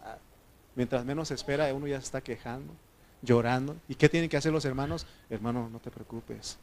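A man preaches in a relaxed, talkative way. His voice sits at an ordinary middle pitch. He keeps turning to the congregation with questions. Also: quick pace. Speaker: pastor. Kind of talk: sermon.

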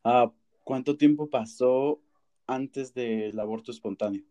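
Man, host interviewer, warm low-key timbre, affirming and gentle. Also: slow pace. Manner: supportive, brief affirmations. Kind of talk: conversational interview.

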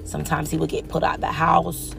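A woman hosting a personal faith podcast, speaking softly and hesitantly, then rising into fervent preaching. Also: low-pitched, flat delivery, a little fast, creaky, over music. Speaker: podcast host.

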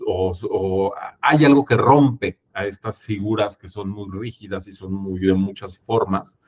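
A man with a Mexican accent, a theater producer in a casual interview, telling stories lively with many fillers and tag questions. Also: lowish voice. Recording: dull lo-fi audio.

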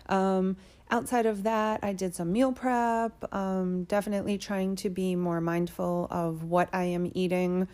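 A woman's voice: lowish voice, darkish tone. A woman hosting a solo podcast, talking casually and informally about her own life like a personal check-in. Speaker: podcast host.

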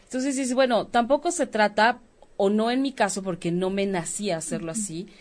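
A woman's voice: medium pitch, moderate pace. A woman, co-hosting a talk show, telling a personal story in a chatty way. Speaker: co-host. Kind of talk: casual talk-show conversation.

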